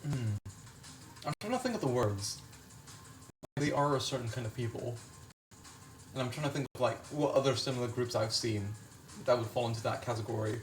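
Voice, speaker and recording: A man's voice: medium pitch, moderate pace, pauses often, far from the mic. Profane livestreamer man, roomy sound. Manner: profane, laughs often. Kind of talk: casual livestream chat while cooking. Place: home.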